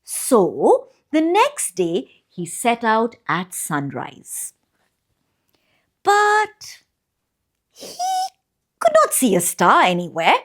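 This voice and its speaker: A female children's storyteller and channel host reads aloud in a fairly high voice with highly varied intonation. Her delivery is expressive and deliberate, with drawn-out pauses for young listeners.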